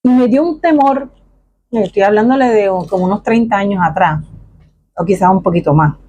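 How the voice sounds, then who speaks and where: A middle-aged woman preaching a sermon, telling stories expressively and swinging between raised and hushed delivery. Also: medium pitch, normal speed, a little hiss or hum.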